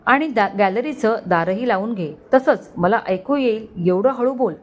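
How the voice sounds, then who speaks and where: A woman's voice: on the high side, expressive, a little slow. A woman voicing a cautious, commanding male detective officer in a read-aloud mystery story. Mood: confident.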